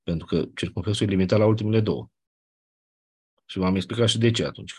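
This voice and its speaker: Husky low-voiced man teaching. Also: darkish tone. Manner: explanatory, checks understanding with "nu?". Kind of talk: classroom lecture.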